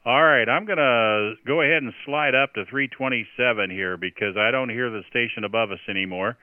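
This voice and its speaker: A man runs a radio net in marine radio style, spelling out call signs and chatting informally in between. His voice is very clear, with a medium pitch. It comes through a thin, phone-like radio channel. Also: fairly quick, no echo. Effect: two-way radio transmission. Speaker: net controller, radio operator. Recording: narrow phone-like radio audio, dry.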